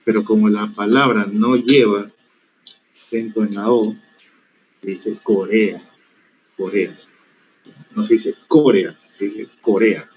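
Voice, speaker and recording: A man's voice: fairly low pitch, a little mellow, a little hiss or hum. A man giving an online medical lecture in a stern, corrective teaching manner, answering student questions. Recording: dull lo-fi call audio.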